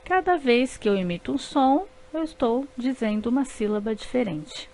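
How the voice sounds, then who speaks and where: A woman's voice: a little high, expressive, moderate pace, darkish tone. A Brazilian woman narrating a scripted lesson, spelling words out syllable by syllable. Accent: Brazilian Portuguese.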